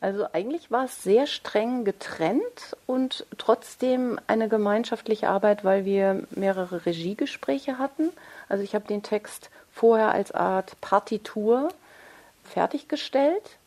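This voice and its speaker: Interviewed about a radio play she wrote, a woman speaks at a measured pace in a medium-pitched, darkish voice. She is thoughtful and articulate, carefully seeking precise phrasing while discussing literature.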